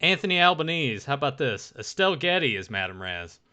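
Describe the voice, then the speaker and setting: A man's voice: mid-range voice, sing-song, a little fast, very noisy. A man co-hosting a podcast, chatting casually in a loose, jokey way and swearing freely. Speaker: podcast co-host. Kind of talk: casual chat.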